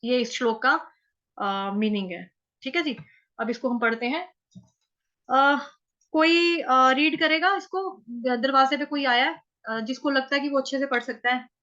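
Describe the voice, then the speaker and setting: North indian lady teaching chanting over a video call, goes syllable by syllable, high bright voice, bit muffled. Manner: explains pronunciation syllable by syllable, chants words slowly. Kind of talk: online scripture chanting lesson.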